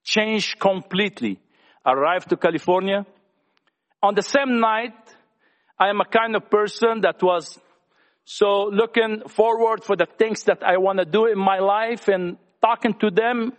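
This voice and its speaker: High-voiced man giving testimony. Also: measured pace. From Lebanon. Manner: talkative storyteller, earnest, addresses young people. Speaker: church member sharing testimony. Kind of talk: personal testimony talk. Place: church gathering. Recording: echoey hall.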